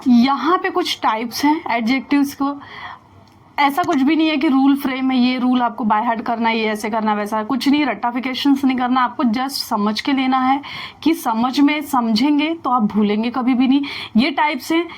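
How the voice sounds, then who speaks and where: A woman teaching an English grammar lesson in Hindi mixed with English, explaining step by step, asking the learners questions and slowly repeating the words she drills. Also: high voice.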